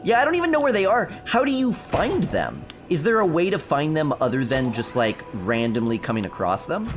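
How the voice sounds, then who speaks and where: Chatty man streaming a game. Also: mid-range voice. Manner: chatty, rambling storyteller answering chat. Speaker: streamer playing a survival game. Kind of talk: casual gameplay commentary.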